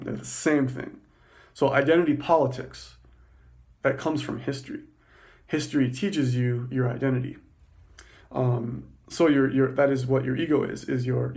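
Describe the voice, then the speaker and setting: A man hosting a podcast, talking through philosophical ideas in an excited, fast, self-correcting monologue. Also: mid-range voice, creaky. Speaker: podcast host. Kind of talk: casual spoken monologue on philosophy.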